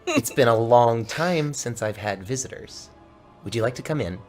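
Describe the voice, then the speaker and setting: A man's voice: mid-range voice, lively intonation, normal speed, close to an everyday voice. A man voicing a tiny, curious gnome with a frank, familiar, campy manner in a tabletop game, with music behind. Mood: welcoming.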